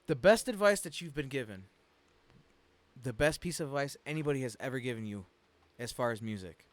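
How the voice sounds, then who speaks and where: A man hosting a casual interview, relaxed and agreeable as he asks his questions. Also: mid-range voice, brisk, no room sound. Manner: laid-back, agreeable, says "exactly" a lot. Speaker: interviewer, show host.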